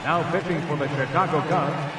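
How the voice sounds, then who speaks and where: Ballpark announcer over the PA, slightly high voice, far off and echoing, big crowd roaring. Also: male voice, steady tone, heavy background noise. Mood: formal. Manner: drawn-out, formal, booming announcements. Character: formal adult male ballpark announcer. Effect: voice over a stadium PA system. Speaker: stadium public address announcer. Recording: distant PA echo under loud crowd. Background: loud stadium crowd.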